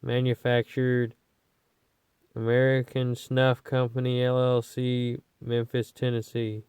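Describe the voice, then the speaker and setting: A man's voice: medium pitch, completely flat delivery, slow, darkish tone, clean tone, no echo. A man giving a casual, rambling, plain-spoken vlog review, talking with a lip full of dip. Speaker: amateur product reviewer. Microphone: phone.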